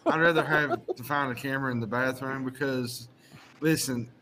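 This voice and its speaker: A man's voice: medium pitch, steady tone, normal speed, pushed and bright. A man co-hosting a podcast, rambling and laughing through his points. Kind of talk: casual banter.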